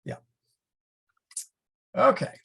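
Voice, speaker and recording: A man's voice: extremely slow, fairly bright tone. A man teaching a Latin class in a casual, chatty way, often stopping to correct himself. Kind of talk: classroom lecture. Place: church classroom.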